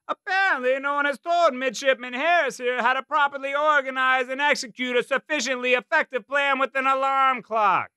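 Brooklyn gunny screaming insults at cadets, super high and loud, crisp dry sound. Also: male voice, fairly even intonation, brisk, hardly any pauses, no echo, full character voice. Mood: bellowing, sarcastic. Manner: barking, profane, sarcastic. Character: gruff stocky male Marine drill sergeant, bellowing.

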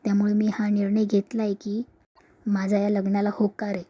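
A woman voicing a serious young man announcing a decision in measured words. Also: mid-range voice, monotone, dark tone, highs cut off, close to an everyday voice. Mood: solemn. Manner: measured, solemn.

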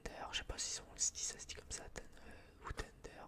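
Breathy, unvoiced whispering in a French accent carries this relaxation vlog, where the creator reviews film purchases. They ramble and pause, chatting casually and putting themselves down.

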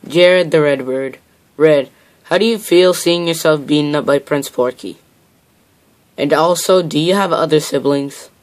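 The host of a homemade puppet show, reading viewer questions aloud in a halting way. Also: medium pitch, low-quality recording.

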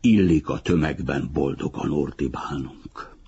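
A man's voice: extremely low pitch, mellow, breathy edge, muffled recording, full character voice. A man doing a curt, commanding young noble. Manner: clipped and commanding.

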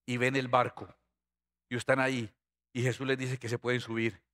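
A middle-aged man preaching a sermon, animated and constantly asking his congregation questions. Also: medium pitch, normal speed. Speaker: pastor.

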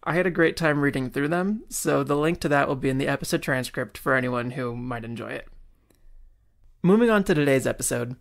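Male podcast host, scripted narration, measured explanatory delivery. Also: fairly high pitch.

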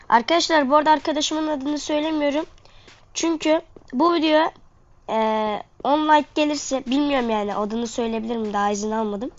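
A woman with a congested, sniffly nose giving casual, slangy gameplay commentary to her viewers. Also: high voice. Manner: slangy, talking to viewers while playing. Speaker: gaming video host. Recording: dull lo-fi microphone sound.

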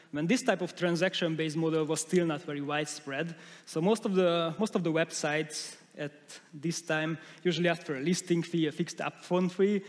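A man speaks from a large, dark conference stage, his fairly high voice carried by a long hall reverb. He presents at a steady clip, often restarting mid-phrase as he searches for the right English words. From Hungary. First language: Hungarian.

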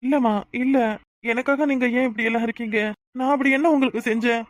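A man's voice: extremely high pitch, fairly even intonation, fast, dry recording. A man voicing a grieving, guilt-ridden young father in a cartoon, pleading with his family in a tearful, remorseful way. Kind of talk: cartoon voice acting.

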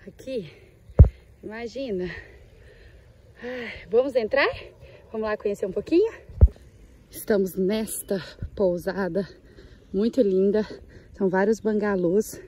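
A woman's voice: dark tone, slight background noise, low-quality recording. A woman talking casually as a travel vlogger outdoors at a beach resort, speaking into a handheld camera and often chatting to her dog. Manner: chatty, talks to her dog in a high sweet voice. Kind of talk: casual travel vlog narration.

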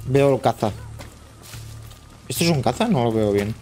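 A man's voice: mid-range voice, animated, normal speed, warm tone, faint music behind. A man with a Castilian Spanish accent chatting casually as he plays co-op, bossy, teasing and foul-mouthed. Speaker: co-op gamer. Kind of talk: casual gameplay chat. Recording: game vehicle and action noise behind.

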